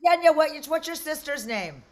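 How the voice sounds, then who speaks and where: A woman hosting a comedy show, bantering briskly between sets. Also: high voice, animated. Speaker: show host. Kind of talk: stand-up hosting.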